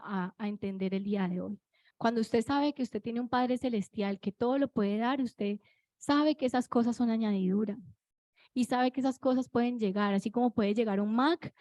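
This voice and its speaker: A woman's voice: fairly high pitch, a little mellow, no room sound. A woman preaching a sermon in a church, in a conversational, confiding way, often checking in with the congregation.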